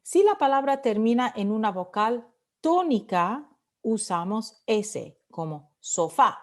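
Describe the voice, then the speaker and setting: A woman teaching Spanish grammar in a lecture. She switches between Spanish and English and repeats words slowly to model their stress. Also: fairly high pitch, very animated, a little mellow.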